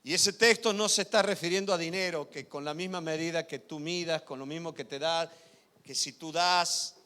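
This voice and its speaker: A male pastor preaching a sermon, swinging loud emphatic passages to quiet intimate asides and often asking the congregation whether they follow. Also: on the high side, normal speed. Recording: reverberant church hall.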